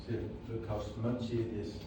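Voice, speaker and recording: A man's voice: fairly low pitch, little pitch movement, normal speed. A man in his forties from Iceland, a painter chatting casually in his studio and often correcting himself as he talks. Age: 40s. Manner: rambling, self-correcting, chatty. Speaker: painter demonstrating his materials. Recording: very echoey studio, distant mic, clear background noise.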